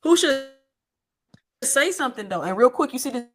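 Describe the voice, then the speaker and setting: A woman's voice: high-pitched, animated, moderate pace, soft background music. A woman talking casually over a call whose connection is choppy and cuts out, so she stammers and repeats herself. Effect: choppy, cutting-out call connection.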